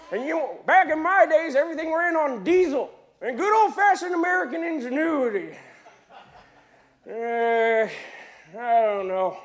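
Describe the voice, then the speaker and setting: Man playing a grumpy old man, very high voice, slow drawling delivery, rambling, folksy, comic stage character. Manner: rambling, grumbling, folksy old-timer talk. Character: grumpy nostalgic old man, complaining about modern times.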